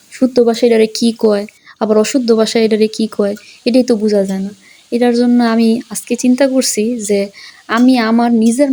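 A woman's voice: a little high, dark tone. A woman in her thirties chatting casually while she cooks, drifting from careful standard speech into her home dialect. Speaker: cooking vlogger. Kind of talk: casual chat while cooking.

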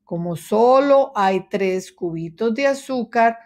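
A big, good-natured dog, as a woman reading a storybook puts him on. He speaks slowly and calmly, offering ideas in a voice lifted a little above the narrator's. He sounds patient and friendly. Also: a little high. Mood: eager. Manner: calm, suggesting tone. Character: big friendly male dog, calm and thoughtful.

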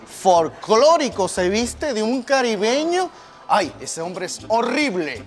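A man's voice: high-pitched, very animated, takes it slowly, heavily acted. An actor playing a catty, snobbish, flamboyant man in a telenovela comedy, full of disdain. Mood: disdainful. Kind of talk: telenovela comic acting.

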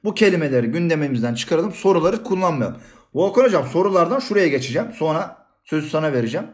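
A man with a faint Aegean accent co-hosts a relaxed podcast about everyday speech. His voice sits somewhat high and moves lively across its range, and he laughs easily as he explains. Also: fast. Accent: slight Aegean Turkish. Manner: lively, animated, laughs often. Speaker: podcast co-host. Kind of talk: casual podcast chat on language and communication.

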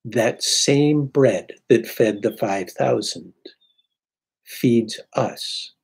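Slow, husky older male priest preaching. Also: mid-range voice. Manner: unhurried, reflective preaching with pauses. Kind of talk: sermon. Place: home study with bookshelves. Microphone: webcam at desk.

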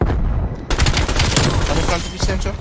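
A man's voice: high voice, fairly even intonation, takes it slowly, heavy background noise. A man giving casual, clipped, sweary callouts to teammates in an online shooter. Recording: game voice chat under loud gunfire.

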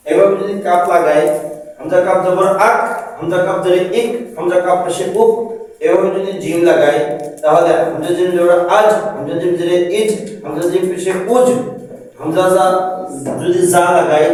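A man teaching a Quran reading class, slowly spelling out letter sounds and drilling them in a repetitive chant. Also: sits high, darkish tone. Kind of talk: slow spelled-out recitation lesson. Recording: echoey room, voice from far off.

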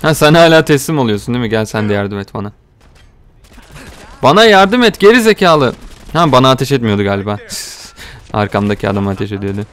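A young man giving casual, joking gameplay commentary, talking to viewers and getting excited during the action. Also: fairly low pitch, quick pace, clear, resonant tone. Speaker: gaming video host.

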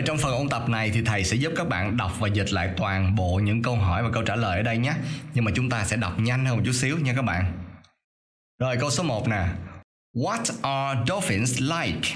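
A male teacher doing a voice-over for a lesson: he reads English sentences slowly and carefully, then explains them quickly. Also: medium pitch. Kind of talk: explaining an English reading exercise.

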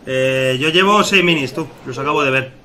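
A man giving excited, shouty team callouts while playing an online game. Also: medium pitch. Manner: rapid, shouty, exclamatory. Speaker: gaming streamer playing with friends.

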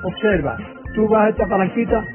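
A man's voice: sits high, animated, fairly quick. A very old man in his nineties talking eagerly and repetitively in a spontaneous live interview. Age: 90s. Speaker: interviewed amateur inventor. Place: room at home, indoors. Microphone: reporter's handheld microphone. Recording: tinny phone-like live feed, music behind.

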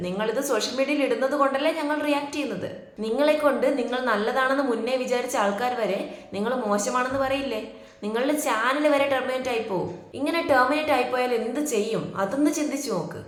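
A woman speaks in a firm, lecturing tone as she comments on a video. Her voice sits fairly high. It rings with the echo of a hard-walled room. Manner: scolding, lecturing. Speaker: reaction YouTuber. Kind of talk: reaction commentary.

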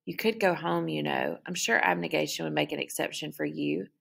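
A woman voicing a gentle, kind young man who speaks softly and earnestly in an audiobook reading. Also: deep voice, brisk, vocal fry, exaggerated voice. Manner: soft, earnest.

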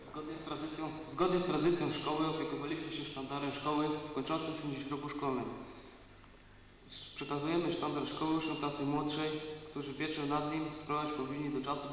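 Young man reciting flatly in echoey hall. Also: fairly high pitch, brisk. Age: young adult. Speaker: graduating student. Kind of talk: formal recited speech. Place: school gymnasium hall, indoors. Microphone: stand microphone. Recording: echoey hall from far off, noisy.

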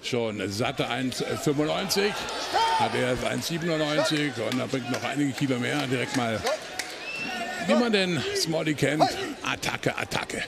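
A man's voice: mid-range voice, animated, moderate pace, gravelly. A man giving live kickboxing commentary as a TV commentator. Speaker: TV fight commentator. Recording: loud arena crowd noise behind voice. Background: noisy arena crowd.

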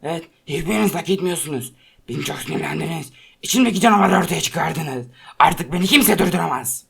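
A woman doing a gravelly, fuming fire monster. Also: sits low, lively intonation, fairly quick, voice pushed down, exaggerated voice. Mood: furious. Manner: pleading, then raging threats. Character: hero turned into an angry male fire monster. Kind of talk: toy play-acting video.

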